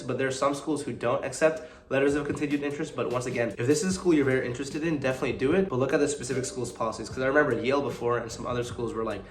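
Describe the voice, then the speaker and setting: Fast-talking young man with a sick voice. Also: mid-range voice, echoey room. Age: young adult. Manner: chatty, upbeat, rapid-fire tips. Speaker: college admissions advice vlogger. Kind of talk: casual advice vlog.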